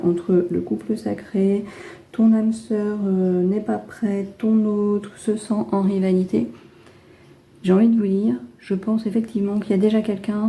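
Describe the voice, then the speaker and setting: French lady doing a chatty tarot reading, lots of euhs, soft and reassuring, really dark warm tone. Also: mid-range voice. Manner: chatty, hesitant with many fillers and restarts; gentle, reassuring advice. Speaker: tarot card reader. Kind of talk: casual spoken tarot reading.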